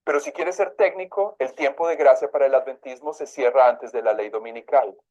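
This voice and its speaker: A man reading a religious passage aloud as a sermon, pausing now and then to comment in his own words. His voice is dark and mellow, and the recording sounds a little dull and lo-fi. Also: medium pitch. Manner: reads aloud, breaks off to comment. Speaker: preacher.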